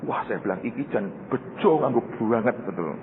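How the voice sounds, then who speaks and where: A man's voice: mid-range voice, animated, normal speed, slight background noise. An older man preaching a sermon to his congregation as their pastor, telling stories with jokes and often calling them "saudara". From Indonesia. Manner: storytelling, joking, addresses the congregation as "saudara". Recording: reverberant hall through a phone-like channel.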